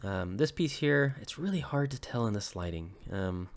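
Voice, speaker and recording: This woodworker and weapon maker from Hawaii, in his thirties, has a voice on the low side and shows his handmade creations in a relaxed vlog. Not quite over being sick, he stumbles through ums and uhs and corrects himself often.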